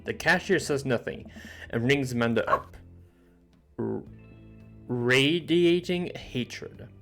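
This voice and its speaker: A man co-streamer reading game narration aloud in a plain, steady way. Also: medium pitch, slow, faint music behind.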